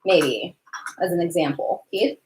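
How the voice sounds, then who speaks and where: A woman's voice: lowish voice, unhurried. A woman hosting a casual live cooking stream, chatty and giggly, reading viewer questions aloud. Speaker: cooking show host. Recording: roomy kitchen echo, faint noise.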